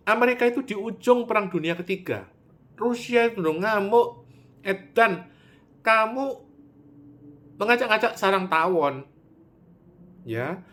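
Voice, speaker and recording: Man, slightly high voice, animated monologue with sharp swings in volume. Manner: animated storytelling, with sudden loud pitch jumps and drops to near-mutter; Javanese words mixed in.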